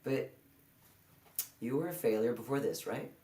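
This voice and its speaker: A man's voice: mid-range voice, lively intonation, unhurried, warm tone, lightly acted. A man performing a live stage monologue as a bitter, self-loathing failure, sardonic and crude. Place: indoor performance hall. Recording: echoey hall.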